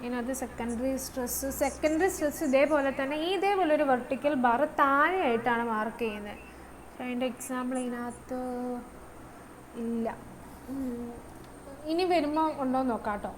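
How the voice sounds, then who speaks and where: A woman's voice: high voice, normal speed, a little hiss or hum, poor audio. A woman giving an online English lesson. She mixes English terms into her explanations and checks in with her students. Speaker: English teacher. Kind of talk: online class lecture.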